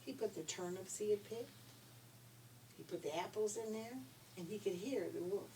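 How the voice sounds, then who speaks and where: Warm and mid-range, at a moderate pace, the older woman's voice carries a casual, folksy story for children. Faint background noise comes through a far-off microphone.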